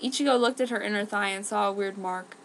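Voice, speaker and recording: An amateur fan fiction reader, a woman, reads a story aloud in an exaggerated, mock-serious dramatic style. Her voice is mid-range and fast.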